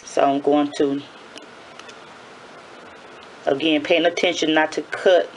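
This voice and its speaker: Raspy, chatty woman. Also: low voice, fairly even intonation, slow, a little hiss or hum, poor audio. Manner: chatty, repeats and self-corrects. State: early-morning raspy voice. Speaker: nail tutorial host. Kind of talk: casual hands-on tutorial.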